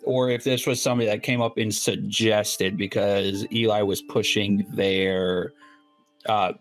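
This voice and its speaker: A man's voice: fairly low pitch, steady tone, a little slow, faint music behind. A man co-hosting a podcast in casual chat, with dry, self-deprecating humor. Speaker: podcast co-host.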